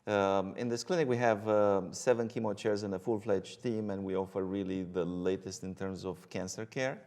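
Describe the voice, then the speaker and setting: A man's voice: low voice, fairly even intonation, moderate pace, a little mellow. A middle-aged man from Romania, speaking with a Romanian accent, a guest physician explaining his work with frequent ums and uhs. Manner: hesitant, many ums and uhs.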